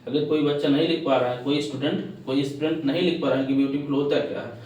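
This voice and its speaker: A man's voice: mid-range voice, fairly even intonation, fast talker, darkish tone, slight background noise. A male English teacher lectures a class. He asks questions and answers them himself, repeating the key terms. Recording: very echoey classroom, mic at a distance.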